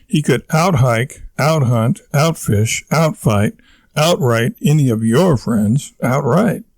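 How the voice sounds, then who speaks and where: A man voicing a pompous, excitable middle-aged husband who declaims grandly in a dry, close sound. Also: mid-range voice, slow pace, dry recording. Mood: indignant. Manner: indignant, declaiming, self-important.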